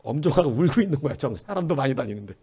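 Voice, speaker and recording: A male pastor delivering a sermon in church, telling a story with plenty of energy. He acts out the quoted lines, and his pitch climbs and drops as he goes. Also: animated, rapid-fire, dark tone, husky.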